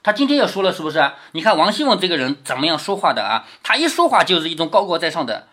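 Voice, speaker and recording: Man, father reading to his daughter, storytelling with commentary, patient explainer, rhetorical questions, animated pitch. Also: fast. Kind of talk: reading aloud a classic novel with explanatory commentary.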